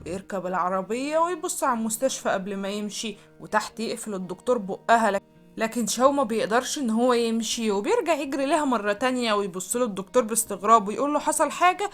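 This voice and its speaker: Fast-talking woman narrating a drama recap. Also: a little high, lively intonation, soft background music. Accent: Egyptian Arabic. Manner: brisk, running storytelling.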